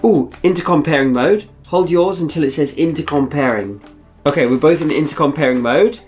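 In a wood-panelled living room, a young adult travel vlogger chats casually and explains things to the camera with an enthusiastic, exclaiming manner. His voice is a little high and darkish in tone, his pace brisk, with faint music behind.

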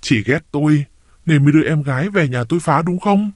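A man reading a story aloud, voicing an enraged jealous wife who hisses and shouts her accusations. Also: fairly high pitch, expressive, fairly quick, no room sound, clean studio sound. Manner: hissing, enraged.

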